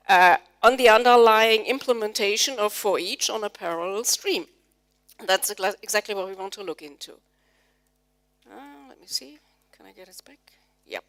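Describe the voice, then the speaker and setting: Speaking to a live conference audience, a middle-aged Java trainer whose native language is German explains technical material and quizzes listeners with poll questions. Her voice sits a little high and sounds slightly bright.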